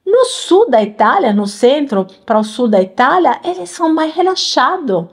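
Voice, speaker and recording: Chatty woman, slightly high. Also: big pitch swings, moderate pace. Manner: chatty, repeats words while searching for them. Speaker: channel host reacting to clips. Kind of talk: casual explanatory chat.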